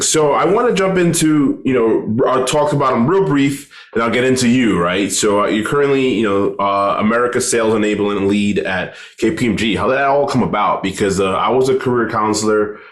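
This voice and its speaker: A man's voice: fairly low pitch, animated, brisk. An enthusiastic middle-aged man hosting an interview show, piling on praise and repeating his words. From United States. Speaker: podcast host. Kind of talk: interview host chat.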